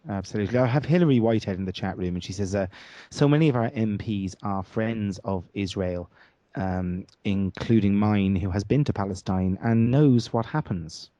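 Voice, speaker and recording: A man's voice: fairly low pitch, normal speed, dark tone, dry recording. A man hosting a radio talk show, speaking hesitantly, with many fillers and restarts. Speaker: host. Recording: dull lo-fi audio.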